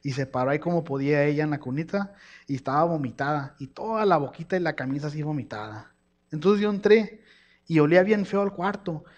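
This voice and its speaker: Preacher, male, raised pitch, animated storytelling, muffled lo-fi recording. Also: fairly quick. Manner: storytelling, animated, voices his baby's cries. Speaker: pastor. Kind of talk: sermon.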